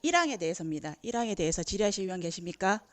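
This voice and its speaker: A woman's voice: medium pitch, sing-song, very fast, no room sound. Woman chairing a council meeting, dry room. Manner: formal procedural phrasing. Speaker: committee chair.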